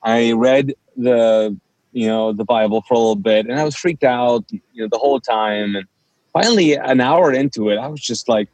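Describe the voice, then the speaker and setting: Poor, dry audio carries a mid-range male voice at a moderate pace. A Kuwaiti pastor and native Urdu speaker, he's a guest in a relaxed interview, telling his story animatedly and performing the dialogue.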